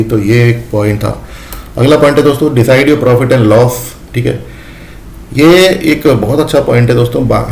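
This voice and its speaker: A man's voice: mid-range voice, a little mellow, roomy sound, a little hiss or hum. A man teaching a lesson, repeating his points and often calling his listeners friends. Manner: repetitive, addresses listeners as friends. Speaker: trading educator. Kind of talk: explanatory lesson.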